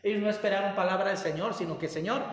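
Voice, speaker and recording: A pastor preaching a lively sermon, drawing responses from the congregation, with laughing asides. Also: medium pitch, very fast. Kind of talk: Pentecostal-style preaching sermon. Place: church hall. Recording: roomy church hall with long reverb.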